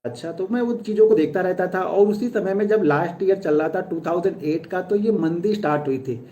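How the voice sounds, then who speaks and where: Fast-talking man, mellow higher voice. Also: a little hiss or hum. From Uttar Pradesh, India. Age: 30s. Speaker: stock trader streaming live. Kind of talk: live-stream chat answering viewers.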